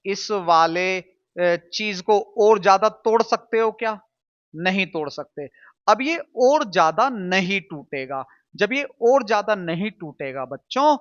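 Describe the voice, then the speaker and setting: On a muffled recording, a man with a high, somewhat bright voice teaches students Hindi. He patiently drills sounds aloud, posing questions and then answering them himself.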